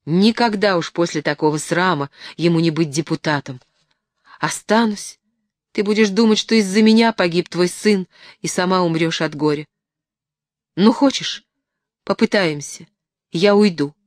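A woman's voice: fairly low pitch, moderate pace, pauses often, no room sound, close to an everyday voice. Woman reader doing a young guy desperately pleading with his lover, emotional, dry close sound. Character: young man, tutor, anguished secret lover.

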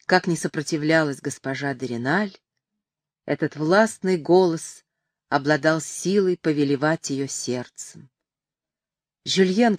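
Brief: female audiobook narrator, low voice, dry close sound. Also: no echo. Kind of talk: audiobook narration of a classic novel.

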